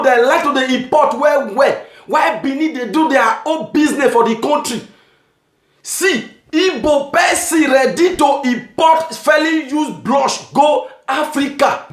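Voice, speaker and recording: A man from Nigeria with a Nigerian Pidgin accent, doing a comic monologue, shouting his punchlines and laughing at his own jokes. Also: very high voice. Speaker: stand-up comedian. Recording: echoey room with music behind.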